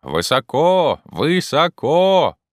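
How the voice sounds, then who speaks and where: A man voicing a simple, cautious male servant who calls out in a slow, drawn-out way. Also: mid-range voice, big pitch swings, bright, forceful tone, dry recording, clean studio sound, voice pushed up, exaggerated voice. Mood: calling out.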